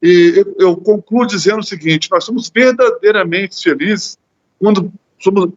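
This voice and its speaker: Brazilian guy preaching at church, pretty high voice, earnest, keeps repeating himself, muffled lo-fi stream. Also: normal speed. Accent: Brazilian Portuguese. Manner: earnest, repeats words while searching, often adds "né?". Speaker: lay preacher. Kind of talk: church Bible study talk.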